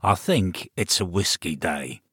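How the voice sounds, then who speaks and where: A man voicing a calm, laconic middle-aged Englishman with dry, unhurried replies. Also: sits low, breathy edge, no echo, full character voice.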